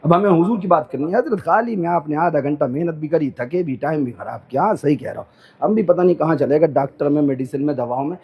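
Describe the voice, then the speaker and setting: A man's voice: on the high side, dark tone. A man preaching a sermon to a live gathering, declaiming, chanting verses and urging the listeners to call back. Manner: declamatory, urging crowd to respond. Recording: live outdoor crowd event. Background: crowd responding.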